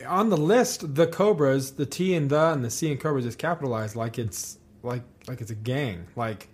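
A man's voice: medium pitch, moderate pace, husky. A man co-hosting a podcast in casual chat, riffing playfully and laughing often. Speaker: podcast co-host.

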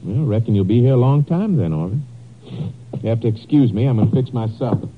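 A man's voice: medium pitch, lively intonation, fast, husky. Stubborn, unruffled working man. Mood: firm, unruffled. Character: stubborn, unruffled working husband standing his ground. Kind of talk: old-time radio drama acting. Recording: muffled, humming vintage radio recording.

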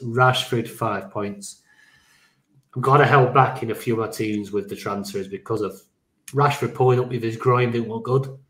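A man's voice: on the low side, fairly bright tone. Casual man in a roomy echo. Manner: casual, swears, laughs easily. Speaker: podcast co-host. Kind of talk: casual chat.

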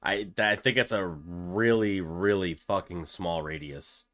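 A man's voice: low-pitched, a little slow, fairly bright tone. A man co-hosting a casual podcast chat, laid-back, swearing freely and laughing often. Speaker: podcast co-host.

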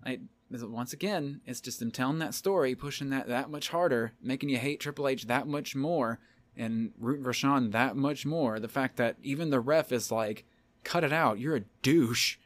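A man's voice: mid-range voice, normal speed. A man co-hosting a podcast, recapping a wrestling match in casual chat, rambling and acting out quotes. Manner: rambling, animated, acts out quotes. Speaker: podcast co-host.

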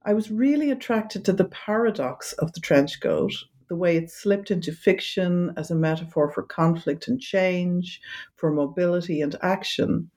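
A woman from Ireland, an academic author, answering interview questions thoughtfully with many small fillers and pauses. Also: fairly low pitch, a little mellow. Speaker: author and design history academic.

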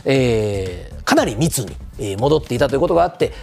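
A man's voice: medium pitch, sing-song, fairly quick, creaky, darkish tone. A man explaining politics on a TV talk segment, polite and formal, with many fillers. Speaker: political commentator.

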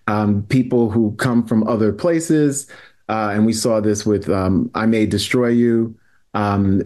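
A man's voice: fairly low pitch, a little mellow. A man from New York City, a guest historian on a podcast, explaining in an earnest, lecturing way with frequent restarts. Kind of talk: podcast conversation.

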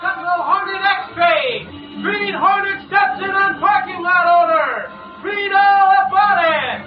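Shrill, drawn-out newsboy street crier. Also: male voice, faint music behind. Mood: urgent hawking. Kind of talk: 1940s radio acting. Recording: muffled old radio recording.

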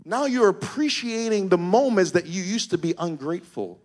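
Male pastor, husky and a bit high, sermon that swings from hushed to shouting. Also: animated, moderate pace. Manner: builds from quiet talk to shouted, sing-song preaching calls.

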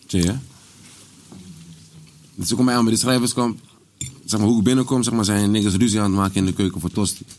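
A man's voice: lowish voice, fairly even intonation, fast, pauses often, darkish tone, a little hiss or hum. A young man from the Dutch Caribbean hosting a casual dinner chat, slangy and often laughing. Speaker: host.

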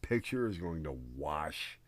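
A man's voice: a bass voice, animated, unhurried, a loud crowd. A man chatting casually as a co-host of a film review, with crude, opinionated, joking talk. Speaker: podcast co-host.

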